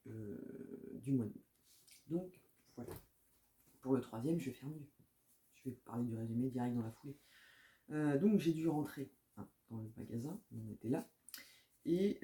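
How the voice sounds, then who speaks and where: A woman chatting casually about her new books as a book vlogger, often pausing with filler sounds and reading blurbs aloud. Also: extremely low pitch, warm tone.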